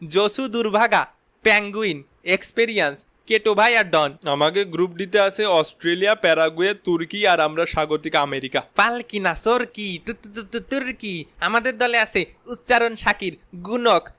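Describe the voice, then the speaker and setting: A man performing a comic sketch, trading rapid, quarrelsome banter between characters. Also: high-pitched, pushed and bright.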